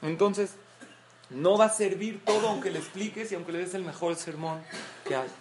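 A woman's voice: on the low side, moderate pace, noisy background. A middle-aged woman giving a parenting talk to a group of mothers, explaining points and acting out example quotes. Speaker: parenting class speaker.

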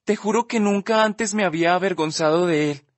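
A man's voice: a little fast, no room sound, natural voice. Man doing a tearful teenage girl. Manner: raised girlish pitch, sobbing and pleading. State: crying. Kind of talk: audiobook character voice.

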